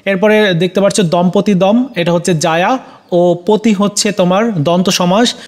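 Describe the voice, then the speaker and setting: High-voiced Bangladeshi Bengali man teaching. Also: fairly even intonation, normal speed. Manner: addresses students directly, frequent "ah" fillers and self-corrections. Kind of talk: exam solution walkthrough.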